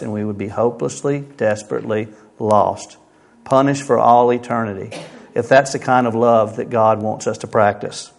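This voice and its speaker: A man's voice: mid-range voice, darkish tone. A man preaching a sermon as pastor at a pulpit microphone, talking conversationally and asking his listeners rhetorical questions.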